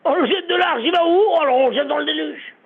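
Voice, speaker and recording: A man's voice: very high voice, quick pace. A man, a rabbi, teaching a lesson through a dramatic story, repeating words for effect, heard over a tinny phone-like recording.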